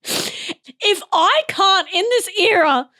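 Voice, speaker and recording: A woman's voice: very high voice, lively intonation, takes it slowly, pushed and bright, no room sound, clean studio sound. A young Australian woman hosting a comedy podcast, rambling through jokes, giggling and cutting herself off mid-thought. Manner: giggly, self-interrupting, jumps between bits.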